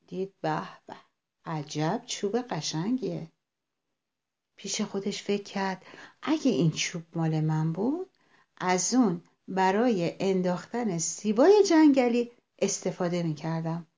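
A woman doing a soft-spoken storybook hedgehog. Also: lowish voice, animated. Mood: pleased. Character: quiet, practical hedgehog.

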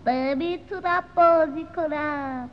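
A woman's voice: sits high, background noise, close to an everyday voice. A woman voicing a bustling, motherly hen who clucks and sings in a children's story. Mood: clucking, bossy. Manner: clucking, sing-song. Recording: dull lo-fi audio with music.

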